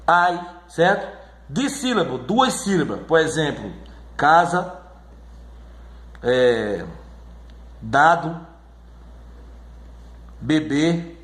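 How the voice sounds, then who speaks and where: A man teaching a grammar lesson, repeating words slowly and checking in often with his listeners. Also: fairly high pitch, a bit bright. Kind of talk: classroom lesson on syllables. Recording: echoey room.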